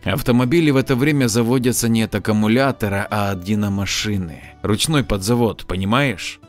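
A man's voice: lowish voice, fairly quick, soft background music, lightly acted. A man voicing a blunt, determined young officer who speaks plainly. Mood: thoughtful.

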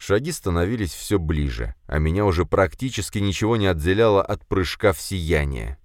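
A deep male audiobook narrator reads a first-person fantasy with an animated, swinging delivery. The sound is dry and close, with no room around it. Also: brisk, no echo. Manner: expressive, animated reading.

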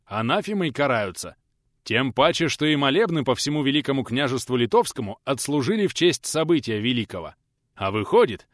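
A man voicing an aggrieved medieval male prince who declaims his grievances gravely and solemnly. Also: mid-range voice, a bit bright, no echo, clean studio sound, natural voice.

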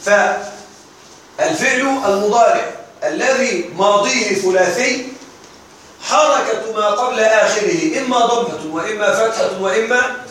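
A man teaches a grammar lesson in a classroom, with a fairly high voice. He keeps quizzing the room and answering his own questions. The recording sounds distant and very echoey, with faint noise underneath. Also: unhurried, a bit bright. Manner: asks the class questions and answers them himself.

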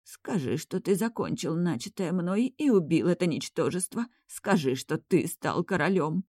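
Casual: lady reading as a screechy crazed queen, scornful and shrill, tight dry sound. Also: expressive, normal speed, a little mellow, dry recording. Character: hysterical deposed queen, middle-aged mother, cruel and unhinged. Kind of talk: audiobook character voice.

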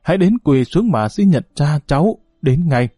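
A firm, lecturing elderly grandmother, read by a male narrator in a spoken storybook. The voice is mellow and unbright. It is recorded dry and close. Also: a little high, lively intonation, normal speed, no room sound. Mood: stern. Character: stern elderly grandmother giving firm advice.

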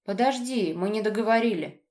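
Woman voicing a young man, volatile, rough, threatening, audiobook character, mid-pitched. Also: lively intonation, normal speed, mellow, natural voice. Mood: angry.

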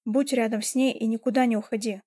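A woman voicing a cold, domineering young man who gives orders calmly and firmly. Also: fairly high pitch, fast talker, no room sound, studio quality, close to an everyday voice. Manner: calm, cold and commanding.

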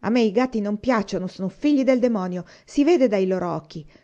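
A woman's voice: medium pitch, fairly quick, muffled recording, natural voice. A woman voicing a brash, blunt orphan girl who talks back defiantly. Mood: indignant. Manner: blunt and defiant, loud outbursts.

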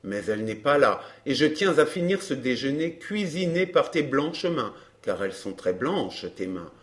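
A man voicing a smug, scheming fake baron, smooth and mocking in an audiobook drama. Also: mid-range voice, big pitch swings, normal speed, lightly acted.

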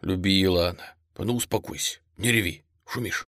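A man voicing a blunt, gruff young man who talks in a curt, hushed way, in an audiobook. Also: lowish voice, normal speed, no echo, clean studio sound. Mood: bitter.

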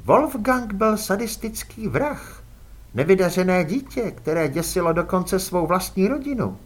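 Guy doing a cool posh vampire lady, high, swoopy, kinda husky. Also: lively intonation. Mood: cool, poised. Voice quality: cool, poised, drawling. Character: cool, elegant aristocratic female vampire. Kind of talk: audiobook character voice.

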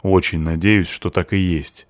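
A man's voice: fairly low pitch, lively intonation, normal speed, darkish tone, dry recording, studio quality, natural voice. A man voicing a bitter, sarcastic seventeen-year-old schoolgirl in an audiobook. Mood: sardonic. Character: sullen sharp-tongued teenage girl, seventeen.

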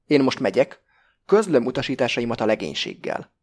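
A man's voice: medium pitch, sing-song. A man voicing a male hijacker who speaks with refined upper-class diction and a mocking edge, in an audiobook. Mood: commanding.

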